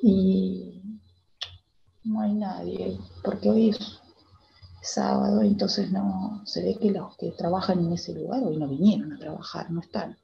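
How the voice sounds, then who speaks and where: A woman with an Argentine accent playing a timid young girl in a theater monologue, talking in a hesitant, halting way. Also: fairly low pitch, fairly even intonation, creaky, highs cut off. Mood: wistful. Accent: Argentine Spanish. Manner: hesitant, halting, many restarts. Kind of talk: theater monologue, reliving a memory.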